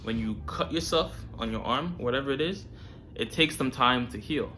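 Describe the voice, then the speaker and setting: A man's voice: mid-range voice, moderate pace, bright, forceful tone. A man hosting a self-improvement series, talking straight to the viewer in a casual, slangy, informal way. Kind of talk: casual direct-to-viewer advice talk.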